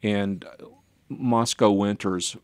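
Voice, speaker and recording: In a lowish, darkish voice with fairly even intonation and drawn-out words, an older man, a pastor and author, tells stories as an interview guest. His telling is rambling and self-deprecating, dotted with chuckles, and there is no echo.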